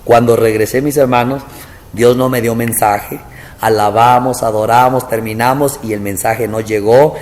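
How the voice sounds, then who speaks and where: A man's voice: mid-range voice, fairly even intonation, moderate pace, darkish tone. A man preaching a testimony sermon as pastor, telling his story earnestly and often calling out to his brothers. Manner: earnest storytelling, keeps addressing "hermano". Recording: reverberant hall with faint ambient noise.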